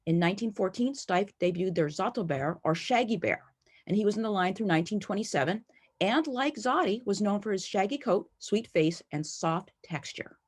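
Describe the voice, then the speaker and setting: Here the American collector's medium-pitched voice is animated and a touch breathy, at a moderate pace. She presents her slides from home with friendly enthusiasm and light playfulness.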